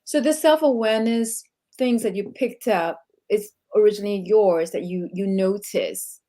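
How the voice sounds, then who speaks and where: A woman from Singapore co-hosts a leadership talk in a conversational podcast interview. Her mid-range voice is mellow and moves at a normal speed. She is reflective and asks searching questions about her guest's reading.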